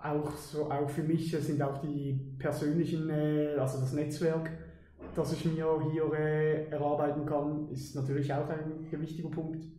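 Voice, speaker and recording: A young man in his 20s from Basel, Switzerland, an army lieutenant, is a guest on a casual podcast interview, answering questions with many hesitations. His voice is slightly high and warm, with little pitch movement at normal speed. Recorded outdoors beside an army vehicle, the audio is reverberant and low-quality.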